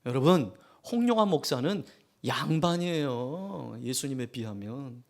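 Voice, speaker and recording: A male pastor preaching a sermon in a church, telling exaggerated humorous stories in an animated way. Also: medium pitch, measured pace. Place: church sanctuary.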